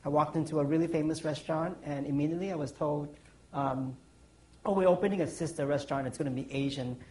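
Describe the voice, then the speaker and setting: A man's voice: a little high, fairly even intonation, fast, darkish tone, poor audio. Man from Thailand, 40s, pastry chef on a panel stage; meandering, filler-heavy answers. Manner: rambling, many ums and restarts, chuckles. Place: conference stage.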